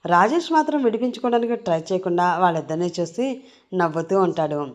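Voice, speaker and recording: A woman storyteller narrating a serialized audio story in a conversational, brisk manner. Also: lowish voice, lively intonation, darkish tone.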